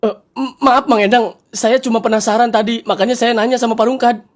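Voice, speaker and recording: A woman's voice: on the high side, steady tone, fairly quick, lightly acted. A woman voicing a timid, polite young village man who talks nervously and apologizes, in a school cartoon. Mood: apologetic. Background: background music.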